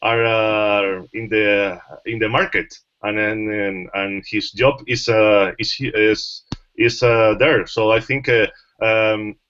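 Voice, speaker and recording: Halting man on a call. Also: lowish voice, steady tone, fairly bright tone, smooth. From Spain. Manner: halting, many fillers and restarts. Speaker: journalist panelist. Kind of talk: casual panel discussion. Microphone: video call. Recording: muffled online call audio.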